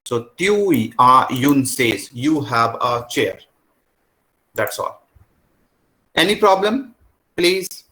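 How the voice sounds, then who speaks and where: Indian guy teaching french in a classroom, very slow, bright voice, repeats stuff over and over. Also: medium pitch, big pitch swings, rough recording. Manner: slow, repetitive drilling, mixing English and Hindi. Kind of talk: classroom lesson.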